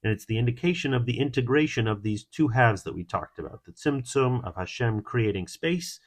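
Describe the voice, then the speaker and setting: A man's voice: mid-range voice, animated, fairly quick. A man giving a solo Torah commentary, reflective in tone, with Hebrew and Kabbalistic terms and sudden emphatic rises. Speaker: Torah teacher.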